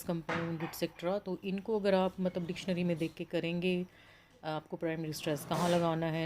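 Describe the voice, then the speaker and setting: An Indian woman teaches an English pronunciation lesson, her voice slightly low and mellow. She explains patiently, reading the English lines slowly and then walking her students through them. Her tone stays steady and instructional.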